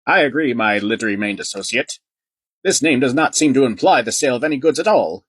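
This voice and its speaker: A man's voice: medium pitch, lively intonation, brisk, a bit bright, husky, dry recording, voice pushed up. A man voicing a pompous, formal male stretchy toy in an audiobook, speaking in stiff, long-worded phrases. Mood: prim. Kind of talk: audiobook character voice.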